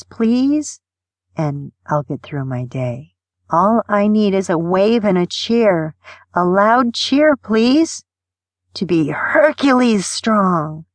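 Slow, soft-spoken woman reading poetry. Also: medium pitch, no room sound. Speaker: audiobook narrator.

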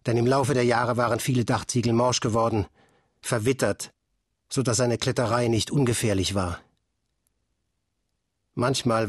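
A male audiobook narrator reading a story in a calm, measured way. His mid-pitched voice has a husky texture. The recording is dry and close, with no room sound. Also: dry recording.

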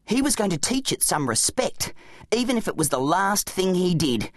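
Playful, expressive male storyteller. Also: sits high, normal speed, no echo, studio quality. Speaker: audiobook narrator. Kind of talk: comic children's audiobook narration.

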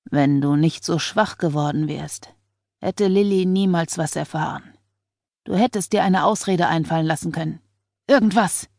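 A woman's voice: on the low side, moderate pace, gravelly, a little mellow, no echo, clean studio sound. A woman reading a menacing, falsely tender husband. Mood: reproachful.

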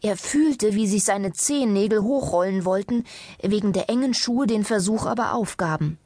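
A woman narrating a children's audiobook in a calm, clear storytelling manner. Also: mid-range voice, normal speed, no echo, clean studio sound.

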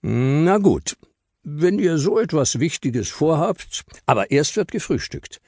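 A man voicing a gentle, good-humored father in a children's audiobook. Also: a little high, sing-song, takes it slowly, no echo, studio quality, voice pushed up, full character voice. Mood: amused. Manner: amused, gentle.

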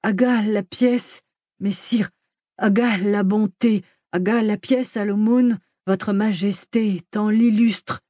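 A woman voicing a simple-minded hulking male giant beggar in an audiobook, with a guttural voice and slow, broken, pleading speech. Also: mid-range voice, steady tone, warm tone, no room sound, studio quality, voice pushed up. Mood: wheedling. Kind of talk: audiobook character voice.

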